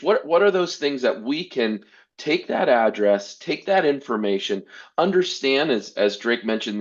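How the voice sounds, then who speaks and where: A man presenting a church-software webinar, talking earnestly with many restarts and repeated words. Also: mid-range voice, lo-fi sound. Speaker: workshop presenter.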